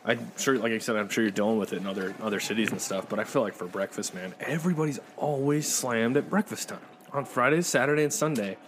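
Upbeat fast-talking podcast host man. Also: medium pitch, noisy background. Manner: upbeat, chatty, quick reactions. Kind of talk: casual podcast chat. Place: diner.

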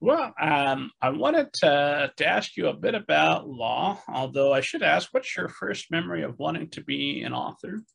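A man's voice: fairly high pitch, lively intonation, normal speed, vocal fry, few pauses, fairly bright tone, slightly rough. A man hosting a podcast interview, jokey and upbeat, with casual fillers. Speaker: podcast host.

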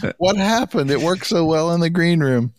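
A man's voice: a little high, animated, normal speed, no room sound. A middle-aged man in casual podcast chat, joking and laughing easily. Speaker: departing podcast host.

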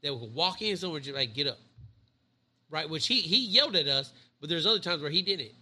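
A man's voice: fairly high pitch, expressive, a little fast, pushed and bright. A man in his thirties, a Navy chief co-hosting a podcast, telling rambling stories in casual chat and swearing a lot. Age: 30s. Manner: profane, rambling storyteller.

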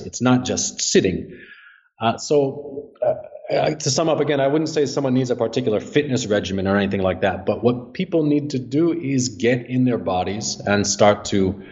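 A man who is an author and Zen teacher, answering interview questions in a measured, earnest way and often repeating words as he thinks. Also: on the low side, a little mellow, lo-fi sound. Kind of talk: podcast interview.

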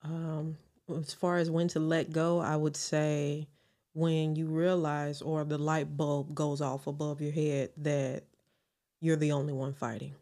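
A woman guesting on a casual podcast as the host's best friend, giving calm, measured advice with some playful teasing. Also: low voice.

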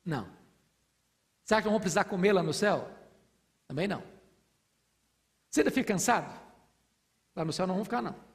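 Gravelly high-voiced preacher. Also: male voice, lively intonation, quick pace, pauses often. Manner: teaching with rhetorical questions, rising to fervent proclamation. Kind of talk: expository sermon.

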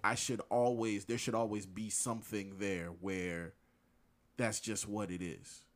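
Man, young adult, low voice, measured, reflective, casual chat. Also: steady tone.

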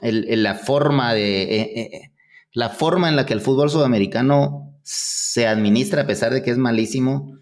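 Gravelly Guatemalan man talking football. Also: mid-range voice, normal speed, a little mellow. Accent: Guatemalan Spanish. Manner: opinionated, reasons aloud. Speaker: podcast co-host. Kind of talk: casual football chat.

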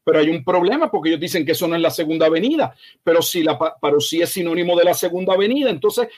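A male pastor with a notably high-pitched voice answers questions as a guest expert. He explains in a slow, deliberate way, pausing and restarting, and firmly corrects what he calls false ideas. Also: animated, darkish tone. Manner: emphatic, corrective, measured explanation; slow, deliberate delivery with frequent hesitations. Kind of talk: teaching interview answer.

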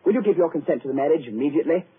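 An actor playing a skeptical, breezy young lord in 1940s radio acting style. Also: male voice, fairly high pitch, expressive, breathy edge. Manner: quick, breezy and dismissive. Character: brash young English lord, skeptical and bold. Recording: tinny old radio broadcast.

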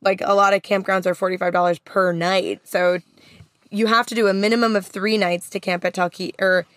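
A woman's voice: medium pitch, little pitch movement, normal speed, a bit bright, no echo. A woman co-hosting a podcast in casual, conversational chat, recorded inside a parked van. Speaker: podcast co-host.

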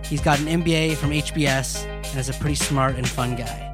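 A man's voice: medium pitch, fairly even intonation, brisk, music in the background. A man hosting a finance podcast, asking easygoing questions. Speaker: podcast host. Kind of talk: podcast interview and ad reads.

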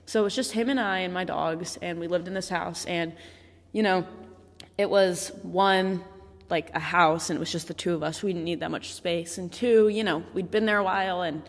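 A woman's voice: on the low side, fairly even intonation, moderate pace. Eighteen-year-old woman rambling in an echoey room. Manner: rambling, with many restarts and fillers. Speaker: podcast host. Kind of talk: casual storytelling monologue. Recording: echoey room with long reverb.

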